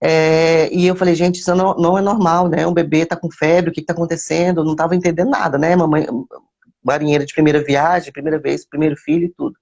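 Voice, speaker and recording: A woman's voice: sits low, little pitch movement, fast talker, vocal fry, darkish tone, highs cut off. A woman telling her personal faith testimony to live viewers. She repeats words and phrases for emphasis and calls out to viewers by name. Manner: addresses viewers by name mid-story. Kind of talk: personal testimony, casual storytelling.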